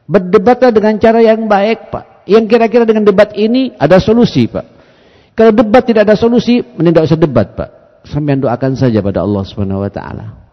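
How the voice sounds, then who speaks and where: A male preacher giving a mosque sermon, constantly addressing the congregation as "Pak" and moving between loud emphasis and soft, low asides. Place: large mosque hall. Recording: dull echoey mosque PA recording.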